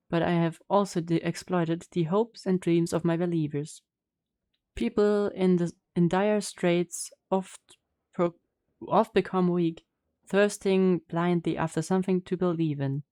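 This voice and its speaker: A woman gaming streamer gives a casual game reaction, chatting and reading game text aloud over faint game music. Her voice sits on the low side and is a little mellow, with no echo.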